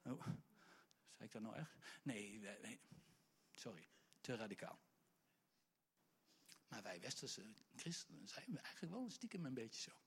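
A male preacher, telling a story in a lively sermon and swinging between hushed and loud delivery with stammering restarts. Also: on the low side, unhurried, creaky, long pauses, breathy edge.

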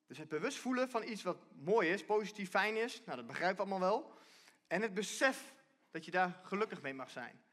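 A man's voice: high voice, animated, brisk, a bit bright. A man giving a conversational sermon from a church stage, often restarting and repeating himself as he explains. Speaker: preacher.

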